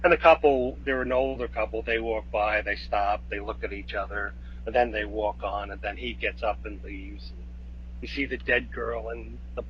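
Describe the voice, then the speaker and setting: A man's voice: lowish voice, steady tone, normal speed, a little hiss or hum. A man co-hosting a podcast, retelling a film's plot step by step in a hesitant, casual way. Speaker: podcast co-host. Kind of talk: casual film discussion. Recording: dull lo-fi podcast audio.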